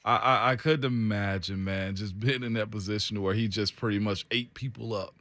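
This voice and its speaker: A man's voice: fairly low pitch, steady tone, normal speed, a bit bright. A man chatting casually as a co-host on a sports talk show.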